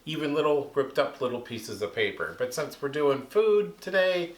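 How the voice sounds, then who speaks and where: A male elementary science teacher talks casually to kids, his pitch swinging up and down a lot. His voice sits a bit high for a man. An echoey room surrounds the recording. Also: big pitch swings, moderate pace. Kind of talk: kids' science lesson video.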